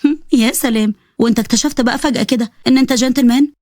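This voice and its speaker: A woman voicing a sharp-tongued, feisty young woman with an Egyptian accent, firing off bossy, snappy retorts. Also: high-pitched, racing, no echo, studio quality, natural voice.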